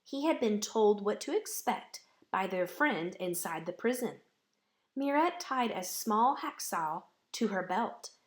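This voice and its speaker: A woman storyteller with an animated, mid-range voice reads a children's picture book aloud. Her phrasing is measured, deliberate and dramatic.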